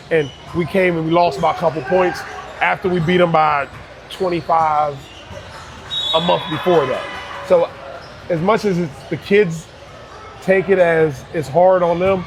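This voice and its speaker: Background noise surrounds a high-pitched Barbadian man in his 30s, a youth basketball coach. He speaks earnestly in a casual interview and keeps restarting his words.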